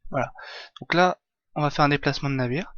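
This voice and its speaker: A man's voice: fairly high pitch, fairly bright tone, no echo, highs cut off. Hesitant French man streaming a game. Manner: hesitant, many fillers, halting English. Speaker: streamer playing a strategy game. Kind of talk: live game commentary.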